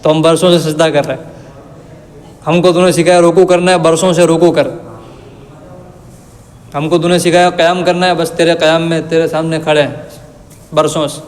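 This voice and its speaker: A man giving a religious lesson, reciting verses slowly and then explaining them in plain everyday words. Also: a little high, level tone. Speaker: Quran teacher. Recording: long reverb.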